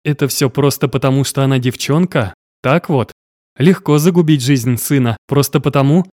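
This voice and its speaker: A man's voice: mid-range voice, moderate pace, darkish tone, dry recording, studio quality. Man narrating a first-person audiobook.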